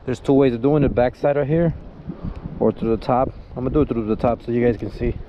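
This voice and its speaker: A man's voice: medium pitch, quick pace, highs cut off. A man casually explaining fishing steps to viewers from an outdoor pier, recorded on a chest-mounted action camera. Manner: excitable, talks viewers through each step. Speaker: fishing vlogger. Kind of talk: casual how-to commentary. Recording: wind noise on an action camera.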